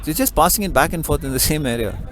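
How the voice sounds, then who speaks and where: A man giving color commentary at a live match, calmly explaining tactics and throws. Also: fairly high pitch, fast talker, some chatter behind, a little hiss or hum. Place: outdoors at a sports field.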